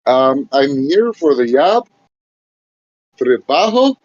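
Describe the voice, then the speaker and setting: A man putting on a high, nasal voice with a Mexican Spanish accent, playing a pushy male caller who speaks broken English and curses in Spanish. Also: very animated, slow pace, a little mellow, no echo. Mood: pleading. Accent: put-on Mexican Spanish accent. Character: adult male phone caller with a put-on Mexican accent, pushy job seeker. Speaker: prank caller. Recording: dull lo-fi phone line.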